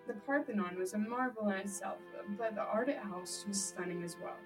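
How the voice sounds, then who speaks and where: A woman reads facts aloud in a school presentation at a middle pitch. She stands away from the microphone. Music plays clearly behind her. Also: a little fast. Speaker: class presenter. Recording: distant mic with music behind.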